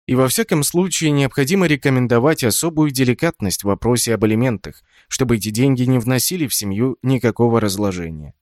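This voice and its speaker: A man reading a book aloud as narration, with steady delivery that lifts a little for quoted speech. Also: medium pitch, fast, hardly any pauses, dry recording, studio quality. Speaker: audiobook reader. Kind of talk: scripted narration.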